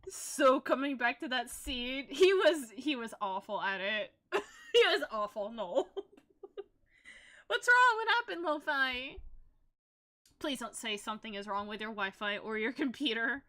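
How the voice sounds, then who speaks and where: A woman's voice: fairly high pitch, lively intonation, unhurried, a bit bright. A young woman streaming as a VTuber, chatting casually while she paints, rambling and laughing often.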